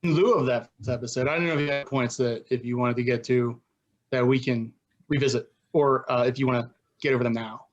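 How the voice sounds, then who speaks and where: A man's voice: mid-range voice, fairly even intonation, fairly quick, muffled recording. Middle aged guy podcast co-host, whistly s's, blunt jokey casual talk. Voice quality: whistling s sounds. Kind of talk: casual chat, frequent swearing.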